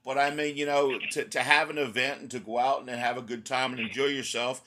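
A male podcast host chats loosely, his voice still scratchy as he recovers from laryngitis. He rambles and restarts his sentences often. A clear hiss of noise sits under the recording. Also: medium pitch, steady tone, a little fast. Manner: rambling, many restarts, laughs easily. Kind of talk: casual interview chat.

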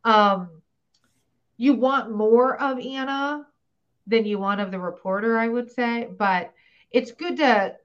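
A woman hosting a podcast in casual chat, talking in a chatty, animated way with many fillers. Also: fairly high pitch, takes it slowly. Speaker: podcast host. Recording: slightly dull podcast audio.

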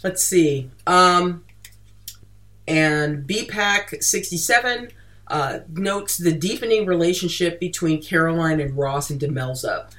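A podcast host in a casual book-club chat who speaks slowly. Many "uh"s and "um"s fill the pauses, and words often get repeated. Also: medium pitch, sharp tone.

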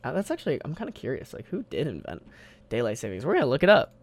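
A young man's fast, medium-pitched voice swings wildly in pitch as he hosts his podcast by himself on a desk studio mic. It's a rambling, casual monologue, thick with slang, cursing, and repeated "bro."

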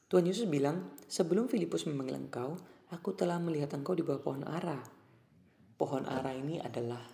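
A man's voice: medium pitch, gravelly, dark tone. A man preaching a heartfelt devotional message and leading prayer, earnest and encouraging, slipping in English phrases.

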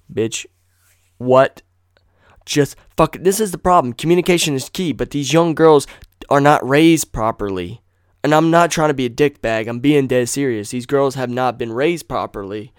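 Brief: blunt man ranting, clear dry voice. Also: medium pitch, dry recording. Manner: heated, blunt, swears constantly; repeats phrases for emphasis. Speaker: vlogger. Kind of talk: profane casual rant.

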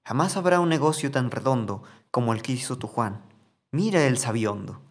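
A man's voice: mid-range voice, lively intonation, moderate pace, close to an everyday voice. A man doing a naive young boy. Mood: boastful.

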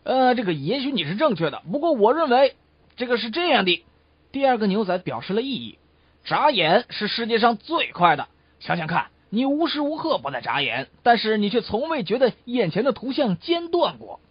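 A man telling comic stories in crosstalk style, switching lively into the voices of his characters. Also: extremely high pitch, fairly quick, breathy edge, no room sound. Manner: lively, animated voice acting in quotes. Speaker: comic storyteller. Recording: dull dry lo-fi recording.

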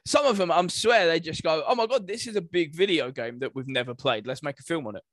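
This male co-host talks quickly in a slightly high voice during a laid-back podcast chat about video game movies, hesitating as he thinks aloud. The recording is dry.

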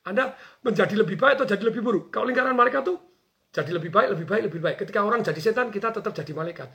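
A man talking on a radio show as a business coach, energetic and acting out quoted bosses and workers. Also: high-pitched, very fast, gravelly, muffled recording. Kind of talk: animated radio talk.

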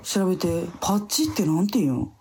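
Kansai accent, woman, young adult, podcast co-host, casual chat, animated. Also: lowish voice, fairly quick, slight background noise. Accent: Kansai Japanese. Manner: animated, acts out quoted speech.

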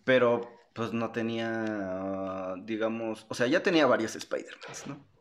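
A man's voice: on the low side, unhurried. A man co-hosting a podcast in casual chat, laughing often and restarting while he explains. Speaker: podcast co-host.

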